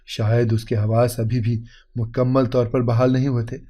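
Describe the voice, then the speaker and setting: A man's voice: mid-range voice, flat delivery, dull audio. A man narrating an emotional moral story in an earnest, heartfelt reading.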